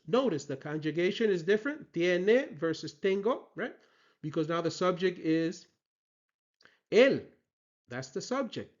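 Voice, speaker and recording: A male Spanish teacher talks very slowly and with a lively, rising and falling pitch. He repeats phrases carefully and checks in with the learner as he goes. The recording sounds dull and lo-fi. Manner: repeats each phrase slowly, then translates; checks in with a questioning "right?". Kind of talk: slow, deliberate language lesson.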